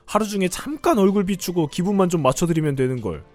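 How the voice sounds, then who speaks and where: Guy doing a defensive young husband, bit high, lively pitch, cartoon drama. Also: quick pace, soft background music. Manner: defensive, dismissive. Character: young husband siding with his mother. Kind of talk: dubbed cartoon story drama.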